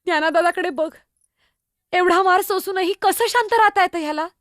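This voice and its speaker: A woman playing a lively, teasing young girl, Muktai, in a chatty, innocent solo stage monologue. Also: very high-pitched, moderate pace, no room sound, clean studio sound.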